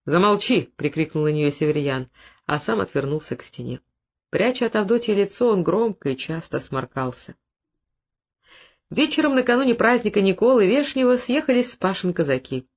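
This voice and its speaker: A narrator reading a novel aloud in a measured, steady literary manner. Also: mid-range voice, muffled recording. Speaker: audiobook narrator.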